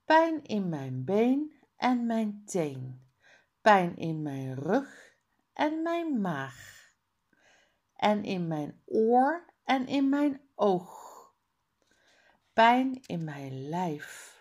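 A whiny little schoolboy faking illness in a storybook, as a woman puts him on while reading aloud. His protests come high and loud, drawn out very slowly, and the pitch leaps all over. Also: big pitch swings, exaggerated voice. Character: sulky schoolboy pretending to be sick. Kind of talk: reading a children's book aloud.

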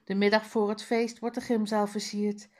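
A woman's voice: medium pitch, flat delivery, normal speed. A woman reading a children's book aloud page by page, with careful word drills. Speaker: reader.

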